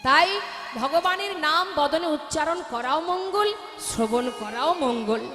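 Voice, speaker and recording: A woman telling a devotional story in a kirtan sermon, in a lively way, chanting refrains and speaking to her listeners as mothers. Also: high voice, unhurried. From Bengal. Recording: echoey hall with music.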